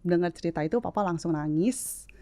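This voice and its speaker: A woman in her late twenties tells her story as a guest, casual and chatty, with English words slipping into her speech. Her voice is lowish and warm, and she talks fairly quickly.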